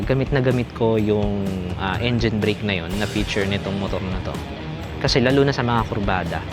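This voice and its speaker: Filipino man reviewing over prominent music. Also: mid-range voice. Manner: explanatory, addresses viewers directly. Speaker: vlog host, motorcycle reviewer. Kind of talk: casual vlog review.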